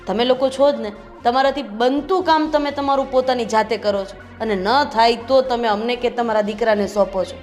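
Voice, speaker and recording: An actress in a Gujarati family drama plays a concerned daughter-in-law, speaking earnestly and complainingly with her elders. Her voice is a little high and darkish, close to an everyday voice, at a moderate pace, with soft music in the background.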